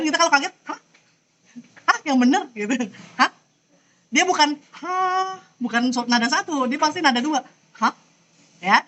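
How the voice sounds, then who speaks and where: A woman's voice: high-pitched, pushed and bright, slight background noise, rough recording. A woman teaching Mandarin tones over a video call, patient and showing every sound by example. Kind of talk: online class teaching. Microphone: computer mic on a video call.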